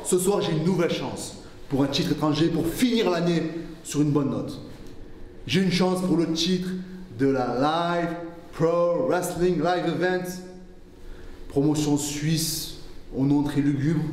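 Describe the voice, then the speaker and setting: Sarcastic wrestler in a booming echoey room. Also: male voice, a little mellow, a little hiss or hum. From Marseille, France. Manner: joking, sarcastic asides. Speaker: wrestler cutting a promo. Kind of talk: wrestling promo.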